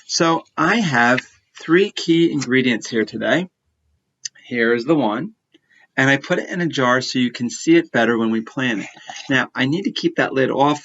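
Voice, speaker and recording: A man's voice: medium pitch, normal speed, a bit bright, a little hiss or hum. Kindergarten teacher man, slightly muffled sound. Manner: kindergarten teacher voice, simple explanatory wording with repetition. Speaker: preschool teacher. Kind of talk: science lesson and story for preschoolers.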